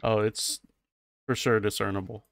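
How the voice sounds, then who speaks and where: A man narrating as game master of a tabletop game, low-key and matter-of-fact. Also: fairly even intonation, moderate pace, creaky, a bit bright, no room sound, studio quality.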